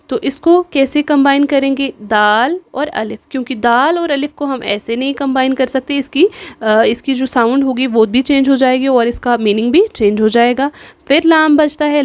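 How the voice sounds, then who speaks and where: A high-pitched woman with a slightly gravelly, creaky voice and a Kashmiri accent, patiently walking beginners through joining Urdu letters. She recorded close to a dry, deadened mic, and she pauses often to check in before spelling each letter slowly. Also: no room sound. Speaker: Urdu teacher. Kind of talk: online exam-prep lesson.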